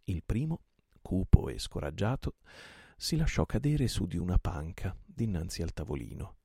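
A man narrates an old adventure novel for a night-time reading, with dramatic, lively phrasing. His voice is low and husky with heavy fry, recorded dry and close. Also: normal speed, no echo. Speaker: audiobook reader.

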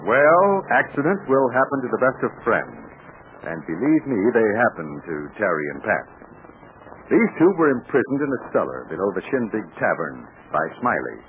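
A man announcing and narrating an adventure serial in an emphatic, animated 1940s radio style, recorded on an old radio transcription. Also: moderate pace, phone-quality sound, slight background noise. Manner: emphatic, animated sales pitch to children.

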